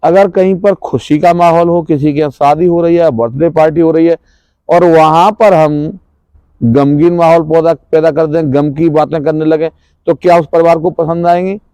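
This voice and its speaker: A man's voice: a little high, steady tone, normal speed, warm tone, clear, resonant tone, dry recording. A man giving a classroom lecture as a trainer, asking the class questions, answering them himself and repeating key words. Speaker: trainer at a rural self-employment institute.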